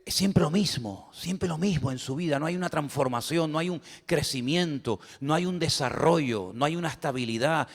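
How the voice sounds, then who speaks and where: A man preaching a sermon as pastor, emphatic and full of rhetorical questions, swinging between loud and soft. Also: a little high, in a large hall.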